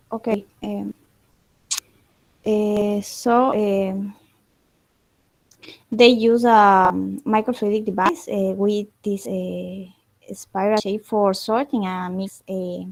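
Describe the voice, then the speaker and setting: A woman's voice: medium pitch, steady tone, slow, pauses often, no echo. Give me a hesitant woman on a dropping video call. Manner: hesitant, many filler sounds. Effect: unstable internet connection that cuts out. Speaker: student presenting a research paper. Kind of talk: academic paper presentation over a video call.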